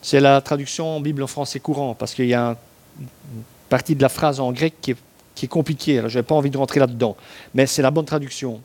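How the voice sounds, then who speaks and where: A man's voice: medium pitch, steady tone, fairly quick, darkish tone. A man preaching a sermon on a Bible passage, talking in a conversational way with asides and rhetorical questions to his listeners.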